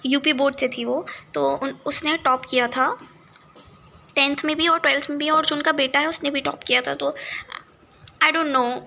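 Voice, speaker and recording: Young woman from India, vlogger venting in casual chat; high, bright voice with frustrated, code-switching delivery. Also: steady tone, normal speed. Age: young adult. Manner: frustrated, mixing Hindi and English.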